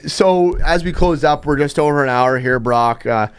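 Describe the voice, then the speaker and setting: A young man hosting a casual podcast, telling stories in an animated way. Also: moderate pace, clean tone. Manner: animated storyteller, jumps to high pitch in quotes. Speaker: podcast host.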